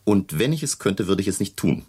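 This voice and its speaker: A man's voice: low-pitched, sing-song, brisk, a little mellow, slightly rough, exaggerated voice. An actor playing a defensive man who reported a missing woman, speaking in an indignant, evasive way with emphatic stresses in a 1970s radio drama.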